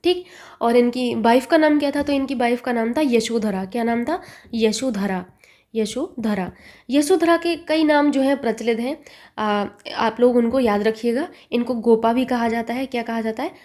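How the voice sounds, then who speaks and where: Mellow-voiced woman teaching an exam lesson. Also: a little high, moderate pace. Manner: asks quiz questions and repeats the answers.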